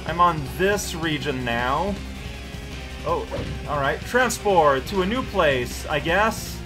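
Guy with a slightly high voice doing a chill let's play, wry rambly asides, game music behind him. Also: lively intonation, takes it slowly. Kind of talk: casual gameplay commentary. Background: video game music and sounds.

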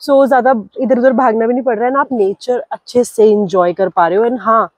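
At a hillside campsite, a young woman in her twenties vlogs her travels outdoors, the phone held at arm's length as she chats brightly in Hindi laced with English. Her high-ish voice is brisk with fairly even intonation, and the recording is dry.

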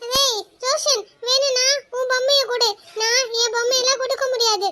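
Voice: very high voice, level tone, normal speed, background noise. A performer voicing a cheeky cartoon boy who teases his little sister. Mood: defiant. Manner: teasing and defiant. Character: cheeky young boy, selfish older brother.

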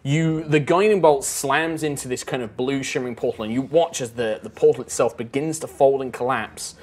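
A woman's voice: rumbling low, fairly quick, a little mellow. A woman narrating as game master of a tabletop game, descriptive and hesitant with fillers.

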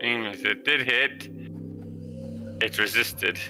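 A man's voice: lowish voice, slow, over music. A man talking casually as a player in a tabletop game.

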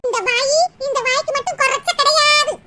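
A woman voicing a squeaky bossy mother-in-law. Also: fairly even intonation, fairly quick. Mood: scolding. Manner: scolding, bossy. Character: bossy nagging older village mother-in-law. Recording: loud background noise.

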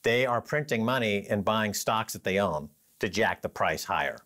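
A man's voice: animated, normal speed, fairly bright tone. A man co-hosting a finance talk show, giving sardonic, emphatic commentary in a studio. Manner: sardonic, emphatic, pitch swinging up and down.

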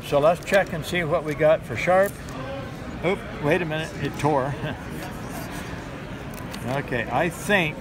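A middle-aged man giving a knife-sharpening sales demo at a gun show, talking in steady instructive patter and repeating simple tips. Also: fairly high pitch. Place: busy indoor gun show hall. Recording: noisy crowded show floor. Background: crowd chatter.

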